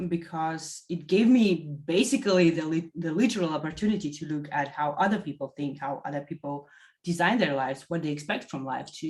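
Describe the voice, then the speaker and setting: Thoughtful woman from Latvia, lower voice. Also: darkish tone. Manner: thoughtful, many fillers and self-corrections. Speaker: interview guest, executive assistant. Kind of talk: reflective testimonial interview.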